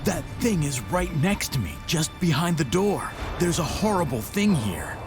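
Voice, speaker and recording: A man's voice: on the high side, very animated, unhurried. A terrified trapped man. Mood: panicked. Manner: panicked, breathless pleading. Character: frightened man trapped with monster. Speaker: game protagonist. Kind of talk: horror game voice acting. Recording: game audio under loud music.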